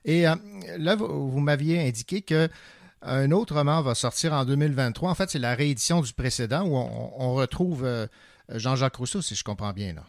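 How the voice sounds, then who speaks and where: Relaxed radio host. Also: male voice, medium pitch, fairly quick, dry recording, studio quality. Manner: relaxed, short interjections. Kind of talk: radio interview.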